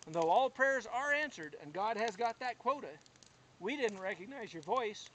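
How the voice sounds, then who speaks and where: A man voicing a patient, gently chiding saint in a cowboy poem, with a folksy drawl, on a noisy amateur recording. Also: sits high, expressive, normal speed. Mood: patient, teasing. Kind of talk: recited cowboy poem dialogue.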